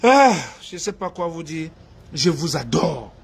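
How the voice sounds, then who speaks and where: A man, talking to his supporters in a casual live video, animated and laughing, slipping into Pidgin English. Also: fairly high pitch, a little slow, gravelly. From Cameroon. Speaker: activist addressing supporters.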